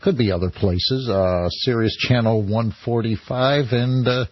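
Very husky American man hosting talk radio. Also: medium pitch, no room sound. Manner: halting, informal. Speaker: fill-in radio talk host. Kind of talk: loose, ad-libbed radio talk with read-out news. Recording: dry, dull lo-fi radio broadcast.

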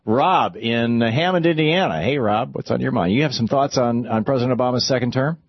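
A radio talk show host with a mid-range voice talks fairly quickly through legal and political points on a call-in show, discursive and argumentative, often stopping and restarting mid-sentence. The recording is muffled, with no room sound.

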